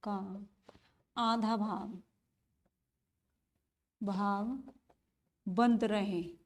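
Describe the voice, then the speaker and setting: A woman's voice: medium pitch, steady tone, very slow, a little mellow. A woman teaching a grammar lesson, repeating key terms and asking rhetorical questions as she explains. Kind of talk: classroom-style lesson.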